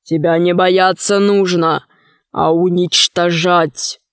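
A woman voicing a stern young male warrior hero in a storybook reading, slow and menacing. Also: on the low side, steady tone, no echo, clean studio sound, voice pushed down.

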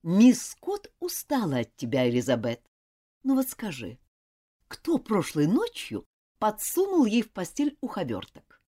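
A woman voicing a stern but loving mother who scolds her daughter in a firm, lively voice. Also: medium pitch, measured pace.

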